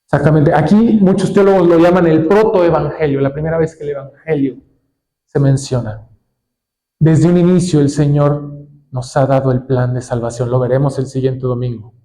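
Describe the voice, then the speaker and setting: A male pastor preaching a sermon, reading scripture slowly and putting questions to the congregation. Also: fairly high pitch, fairly even intonation, dark tone, poor audio. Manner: asks the congregation questions and waits for answers; reads scripture aloud slowly, drawing words out.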